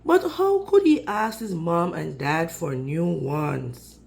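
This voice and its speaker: Her voice is gravelly and there's slight background noise as this woman slowly reads a picture book to young children. With lively, shifting pitch, she asks questions along the way in a teacherly manner.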